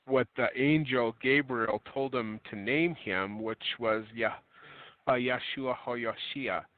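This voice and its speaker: Man, mid-pitched voice, reading aloud with rambling asides, clears his throat, tinny phone-line sound. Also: dry recording. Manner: digressive, pauses to clear throat and self-correct. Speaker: religious radio reader and commentator.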